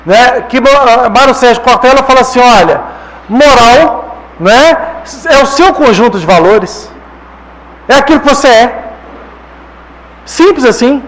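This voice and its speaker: High-voiced man giving a conversational lecture. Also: expressive, measured pace, pauses often, fairly bright tone, poor audio. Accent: Brazilian Portuguese. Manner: conversational, frequent rhetorical "né?" and "tá?". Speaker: spiritist lecturer. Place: lecture hall.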